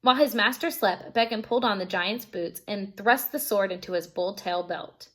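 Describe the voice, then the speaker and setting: A woman who teaches reads from a kids' storybook, narrating expressively in a mid-range voice at normal speed.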